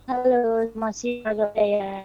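A woman calling in to a radio show over an internet call whose signal keeps breaking up, her faint greetings coming through halting and patchy. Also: on the high side, little pitch movement, no echo. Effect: breaking-up WhatsApp call signal. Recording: dull, dropping phone call line.

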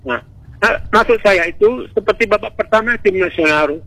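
A man's voice: high voice, moderate pace, vocal fry, pushed and bright, dry recording. A man from Indonesia calling in to a radio show by phone. He talks in an outspoken, rambling way and often breaks off and restarts. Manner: outspoken, rambling, self-interrupting. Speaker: radio caller. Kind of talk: call-in opinion on a radio show. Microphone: telephone. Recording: phone line into radio broadcast.

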